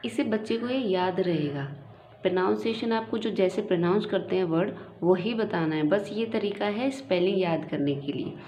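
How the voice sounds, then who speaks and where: A woman teacher explaining to parents how to teach a child spelling, slowly sounding words out letter by letter. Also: mid-range voice, dark tone. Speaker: teacher and channel host. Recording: muffled, echoey room with faint hiss.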